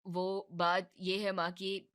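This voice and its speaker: A woman's voice: level tone, slow pace, clear, resonant tone. A woman voicing a young husband in a cartoon family drama, placating his wife and mother. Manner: soft, placating, lower voice. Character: young husband, soothing and evasive.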